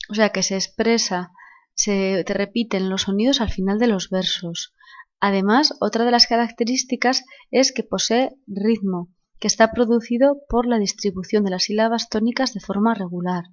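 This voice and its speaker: A woman teacher with a Spanish accent from Spain gives a literature lesson in a clear, measured voice of middle pitch. She explains step by step and counts syllables aloud. The recording is dull and lo-fi. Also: fairly even intonation.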